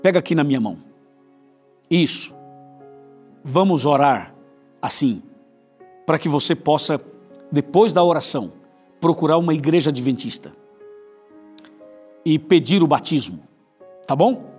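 A Brazilian pastor with a slightly higher-than-usual, husky voice delivers a sermon straight to the listener. He draws you in close and keeps asking questions back at you. Soft music plays faintly underneath. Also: lively intonation, measured pace, long pauses. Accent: Brazilian Portuguese. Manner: intimate, inviting address to the viewer; repetitive rhetorical questions. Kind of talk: evangelistic sermon.

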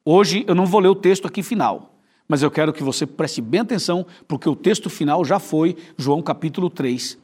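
Husky-voiced Brazilian pastor preaching intimately. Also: male voice, fairly high pitch, a little fast, a little mellow. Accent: Brazilian Portuguese. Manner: intimate, inviting address to the viewer; repetitive rhetorical questions. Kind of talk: evangelistic sermon.

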